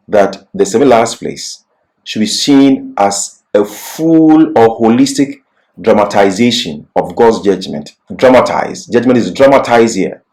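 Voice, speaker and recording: In this religious lecture, a man reads out prepared points on the Bible and explains them with emphasis, adding asides and repeating key phrases. His voice is mid-range with a darkish tone, and the audio is poor.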